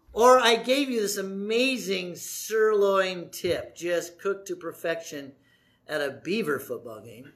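Animated high-voiced male preacher. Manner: folksy, animated preaching with asides and jokes. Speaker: pastor. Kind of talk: sermon.

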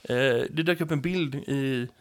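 A man who teaches, co-hosting a podcast in relaxed chat, laughing often and filling pauses with "eh". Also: medium pitch. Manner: chatty, laughs often, many fillers.

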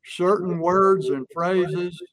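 A sales and persuasion speaker explains a point in a conversational teaching chat, drawing on folksy stories and acted-out examples. His voice is high-pitched, slow and fairly bright, with no room sound.

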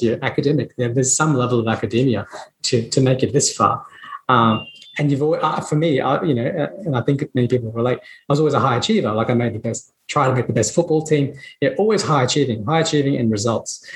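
A man's voice: medium pitch, reverberant, low-quality recording. A man in his thirties, a dentist telling his story as a podcast guest, earnest and reflective, with frequent restarts and laughs. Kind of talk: conversational storytelling.

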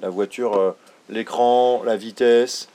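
A man co-hosting a podcast in casual chat. He rambles excitedly and swears when he gets teased. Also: medium pitch, takes it slowly. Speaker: podcast co-host.

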